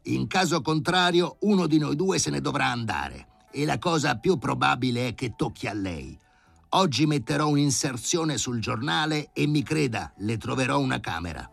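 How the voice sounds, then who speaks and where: A man voicing an elderly, gray-haired professor who is imperious and irascible, shouting in indignation in an audiobook reading. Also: mid-range voice, lively intonation, normal speed, creaky, no echo, soft background music, voice pushed up. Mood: indignant.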